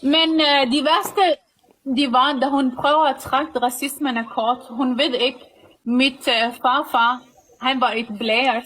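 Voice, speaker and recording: A woman with a high, light voice chats on a livestream. She rambles in halting, loosely built sentences, circling back and repeating herself as she goes. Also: steady tone, a bit bright, low-quality recording. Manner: rambling, halting, with broken grammar. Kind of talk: casual livestream chat.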